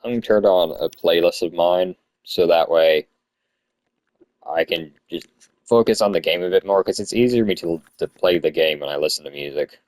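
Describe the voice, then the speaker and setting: A young man with a low-pitched voice talks casually as he plays a game. He sounds like a stoner, rambling and losing his thread, and he drops swear words freely. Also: moderate pace, darkish tone, no echo. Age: young adult. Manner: stoned, rambling and easily sidetracked. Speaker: gamer recording commentary. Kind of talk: casual gameplay commentary.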